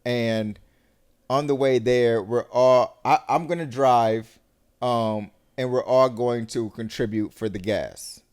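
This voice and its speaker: A man's voice: medium pitch, slow pace, a little mellow, smooth. Teasing male podcast co-host. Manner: probing, teasing, sets up hypothetical scenarios. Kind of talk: casual podcast discussion.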